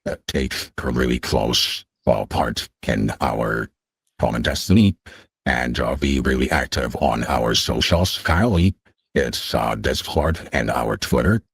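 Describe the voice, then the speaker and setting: Very deep, gravelly voice-changed man. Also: no room sound. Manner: halting, many fillers. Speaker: guest. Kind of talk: casual chat.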